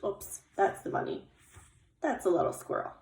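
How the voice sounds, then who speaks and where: Speaking at a moderate pace over a noisy background, this kindergarten teacher brings a children's story to life as she reads. She breaks it down in simple terms through questions, and the room around her echoes.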